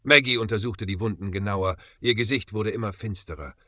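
Low-voiced man narrating an audiobook gravely. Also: brisk, pushed and bright, no echo. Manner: grave, dramatic storytelling.

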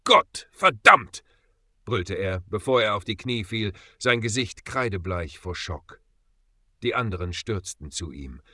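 A man narrates a story in a steady, dramatic reading. His voice is low-pitched with a bright, forceful tone. The recording is dry and close-miked. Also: measured pace, no room sound. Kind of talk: scripted audiobook narration.

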